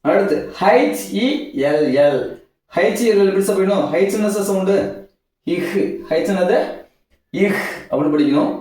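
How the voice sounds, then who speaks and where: A man's voice: high voice, moderate pace, darkish tone. A man teaching English pronunciation, drilling sounds in a repetitive call-and-answer way. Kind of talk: classroom-style phonics lesson. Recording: very echoey room, voice from far off.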